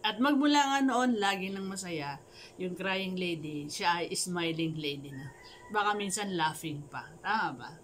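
A woman's voice: lowish voice, lively intonation, measured pace, fairly bright tone, slight background noise, low-quality recording. A woman vlogger telling a moral story casually, with playful joking asides. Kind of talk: casual storytelling with a life lesson.

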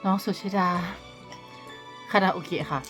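A woman's voice: measured pace, over music. A woman from Thailand with a Thai accent, chatting casually as a mother and vlogger, laughing often and dropping in English phrases. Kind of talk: casual vlog chat.

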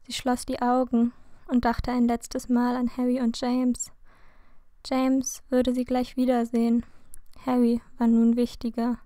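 A woman reading a fan fiction story aloud in calm, slow scripted narration. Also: on the high side, no room sound.

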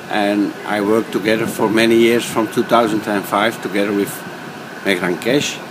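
A man's voice: on the low side, noisy background. An older man from Belgium, an inventor, proudly speaking on camera outdoors and repeating himself. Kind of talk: short on-camera statement.

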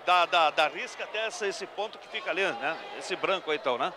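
A man's voice: on the high side, lively intonation, fast talker, pushed and bright. A man reporting live from a futsal court after a match, chatting in a rambling way with lots of fillers. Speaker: radio sideline reporter. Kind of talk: live post-match radio interviewing. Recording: noisy live gym broadcast.

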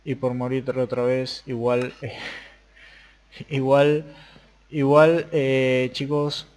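A young Argentine man talking casually over a modded Minecraft game, jumping between quiet mutters and excited yelps. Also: mid-range voice, slow pace. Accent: Argentine Spanish. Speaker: gaming youtuber. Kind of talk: casual Minecraft let's play commentary.

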